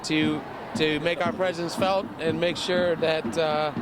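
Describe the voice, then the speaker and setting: A father at an outdoor protest speaks steadily and plainly. His slightly high voice stays level, and loud street noise nearly swamps it. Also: level tone, takes it slowly.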